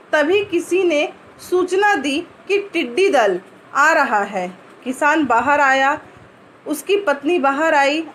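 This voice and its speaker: A woman with a high voice reads a school story slowly, pausing to ask what words mean and then answering herself. A faint hum of background noise sits under her voice. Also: fairly bright tone. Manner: pauses to ask and answer word meanings. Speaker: teacher. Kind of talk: reading a story aloud and explaining words to pupils.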